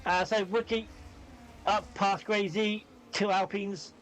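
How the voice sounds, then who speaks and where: A man's voice: high voice, level tone, slow, fairly bright tone. A man doing chatty live sim racing commentary, bantering and laughing with his co-commentator. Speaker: race commentator.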